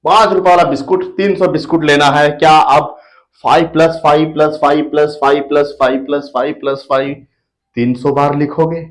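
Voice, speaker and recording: A man's voice: a little high, fairly even intonation, fairly quick, rough recording. A man with an Indian accent teaching a maths lesson to children in a playful way, often repeating himself. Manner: playful, addresses children warmly, repeats phrases.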